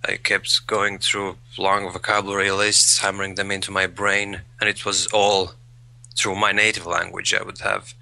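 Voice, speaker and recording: A Latvian man learning English appears as a guest in a conversational interview, speaking thoughtfully and repeating words while he searches for phrasing. His low voice is creaky, pushed and bright, with flat delivery at normal speed. The recording is rough.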